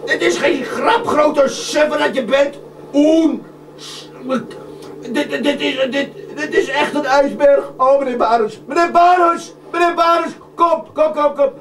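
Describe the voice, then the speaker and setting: A jittery young sailor, played by a man, stumbles over his words and shrieks for help in a live puppet show. The voice sits very high and comes from far off in a reverberant room. A steady noise runs underneath. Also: slow, full character voice. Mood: panicked. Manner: stammering, frantic shouting. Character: panicky young male sailor, stammering prankster. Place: museum room. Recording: echoey room, distant mic, noisy.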